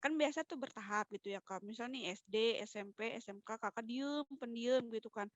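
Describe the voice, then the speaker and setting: A woman's voice: on the high side, a little fast, no room sound, dull audio. A young woman in a casual chat, chatty and giggly as she asks questions. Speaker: guest interviewer.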